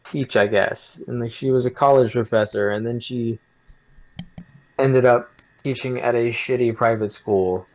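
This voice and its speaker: A man's voice: mid-range voice, steady tone, unhurried, a little mellow, lo-fi sound. A young adult man co-hosting a casual podcast chat, telling a rambling story with lots of swearing and restarts. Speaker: podcast co-host.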